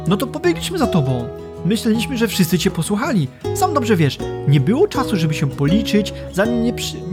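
A man's voice: high voice, voice pushed up. A man reading aloud as an indignant male dwarf defending himself. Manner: agitated, exclaiming.

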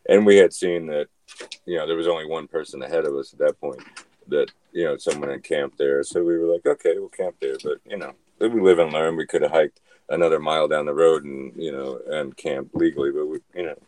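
Man, very low voice, dry close sound, casual rambling storytelling, podcast guest. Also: steady tone, a little fast, darkish tone, no room sound. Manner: rambling storyteller, many "you know" fillers. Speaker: podcast guest, thru-hiker. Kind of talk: casual chat.

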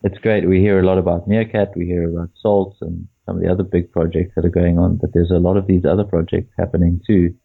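A man co-hosting a podcast, his voice very low and his talk easygoing and chatty. He often repeats a word as he starts a sentence. The sound comes through a thin, phone-like line. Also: flat delivery, fast, vocal fry, hardly any pauses, slightly rough. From South Africa. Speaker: podcast co-host. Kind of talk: casual chat.

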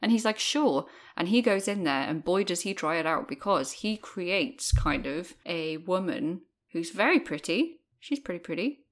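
A woman in her thirties co-hosts a casual chat, talking in a lively way with lots of fillers and acted-out quotes. Her voice sits a little low for a woman. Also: moderate pace, few pauses. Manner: chatty and animated, full of fillers and acted-out quotes. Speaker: podcast co-host. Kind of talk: casual chat recapping a TV episode.

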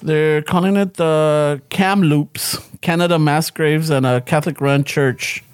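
A man chats casually as if on a podcast. He rambles and hesitates, swearing now and then. His voice is a little high and the sound is close and dry. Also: fairly even intonation, smooth, no echo. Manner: rambling, halting, profane.

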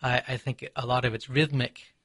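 A man's voice: mid-range voice, little pitch movement, a bit bright, dry recording. Reflective man speaking in a dry, close sound. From Seattle, USA. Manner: measured, reflective, with frequent ums and restarts. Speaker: author and poet, guest. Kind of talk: thoughtful conversational interview.

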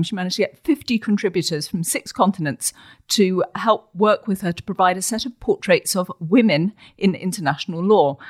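Woman podcast co-host, journalist. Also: medium pitch. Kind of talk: interview podcast hosting.

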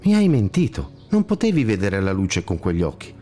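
A man's voice: lowish voice, huge pitch swings, fairly quick, warm tone. A man voicing a weary, anxious blind man who asks plaintive questions while searching for a better place, in a storybook tale.

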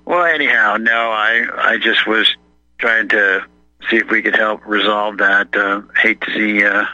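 A man's voice: fairly low pitch, fairly even intonation, unhurried, bright, forceful tone, no echo, faint music behind. A man calling in to a talk show, joking around and rambling with plenty of fillers over a phone line. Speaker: caller. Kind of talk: casual call-in chat.

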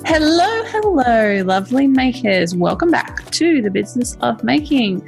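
A woman's voice: a little high, big pitch swings, vocal fry, darkish tone, soft background music. A woman with a broad Australian accent hosts a podcast in a casual, chatty, informal way. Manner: chatty, informal, quick to laugh. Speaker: podcast host.

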